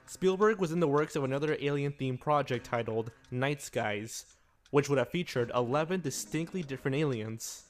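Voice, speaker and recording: A man giving scripted list-video narration in a steady, wry way. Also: medium pitch, normal speed, faint music behind.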